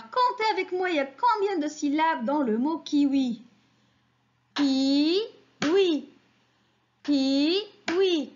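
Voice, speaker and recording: Slow, lively woman teaching small children. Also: very high-pitched, muffled recording. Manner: slow, patient, questioning children and praising them. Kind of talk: kindergarten phonics lesson.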